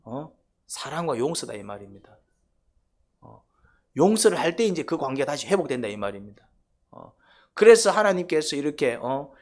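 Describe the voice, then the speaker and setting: A male pastor with a Gyeongsang accent preaches with a lively, swinging voice that sits a bit high. He keeps firing rhetorical questions and prodding his listeners in a colloquial, conversational way. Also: moderate pace, pauses often. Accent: Gyeongsang Korean. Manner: colloquial, acts out quotes. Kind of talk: sermon.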